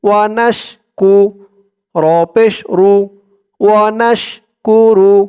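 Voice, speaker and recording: A man teaches recitation syllable by syllable, naming each letter and vowel mark and then joining them in a patient, drawn-out chant. His voice sits high for a man and comes through very clear and clean. He moves at an unhurried pace. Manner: calm explanations, quieter and lower than the recitation.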